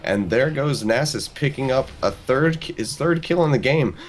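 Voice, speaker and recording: A man calling a video game match as a play-by-play commentator, talking rapidly like an auctioneer. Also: mid-range voice, expressive, faint music behind. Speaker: esports commentator.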